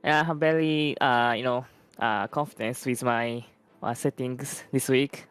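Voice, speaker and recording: Guy, racing driver, stops and restarts a lot, pretty smooth voice. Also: medium pitch, fairly even intonation, a bit bright, soft background music. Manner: halting, searching for words. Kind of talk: post-race interview.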